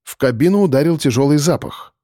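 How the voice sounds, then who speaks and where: A man reading an action audiobook in steady, measured scripted narration. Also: a little high, dry recording, clean studio sound.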